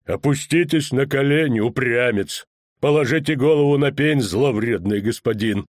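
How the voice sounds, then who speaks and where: A man voicing a grim, menacing executioner with a muffled, drawn-out voice in an audiobook reading. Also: mid-range voice, dry recording, clean studio sound, natural voice. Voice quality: ominously muffled, slow and drawn out. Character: grim hooded male executioner, menacing, mocking. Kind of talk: audiobook character voice.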